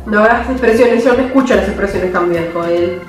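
A woman's voice: medium pitch, fairly quick. A young woman with an Argentine accent chatting casually as co-host of a snack-tasting vlog. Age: young adult. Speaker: guest co-host. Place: small bare-walled room indoors. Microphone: camera a short distance away. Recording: roomy, distant camera microphone, faint music.

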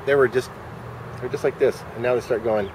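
A man in his forties, a vlogger, holds a handheld camera at arm's length in a shopping center parking lot and gives dry, wry, rambling commentary with muttered asides. His mid-range voice is steady and brisk. Traffic and outdoor ambience run underneath.

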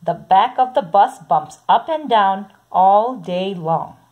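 A woman reads a children's book in an unhurried, sing-song manner. Her voice is a little breathy and soft-edged. She says the repeated sound words quietly and keeps an easy, steady rhythm. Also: mid-range voice, phone-quality sound. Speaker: storybook reader. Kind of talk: reading a picture book aloud.

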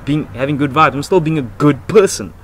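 An excitable young self-improvement vlogger in his twenties talks a little fast in a fairly high pitch, rambling casually with slang, swearing and giggles. He's outside on a house porch, and the laptop's built-in mic at arm's length makes for a noisy recording.

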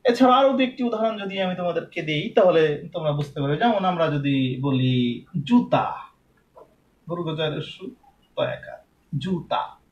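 A man from Bangladesh teaching a lesson, explaining patiently and slowly drawing out sounds as examples. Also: fairly high pitch, lo-fi sound. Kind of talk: recorded classroom lesson.

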